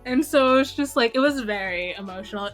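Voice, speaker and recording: Pitched on the high side, this young podcast co-host sounds animated and fairly bright, talking a little fast as faint music plays. She's chatting casually, recounting something personal with lots of expression and performing how she reacted.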